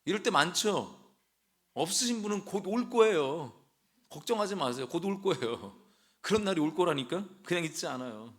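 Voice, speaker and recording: Animated preaching man, lively swooping pitch. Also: moderate pace. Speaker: pastor. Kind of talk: sermon.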